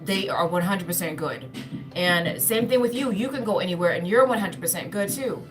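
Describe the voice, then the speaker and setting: A woman's voice: lowish voice, lively intonation, moderate pace. A woman giving an earnest, repetitive spiritual pep talk, often calling her listeners y'all. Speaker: spiritual speaker. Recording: talk over clear background music. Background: music.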